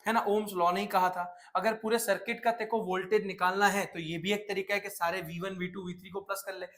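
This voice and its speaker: A lively man teaching a science class for exam prep, with a high voice. He switches between Hindi and English as he talks. He fires questions at the students and answers them himself. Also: brisk. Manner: energetic, mixes Hindi and English, asks and answers his own questions.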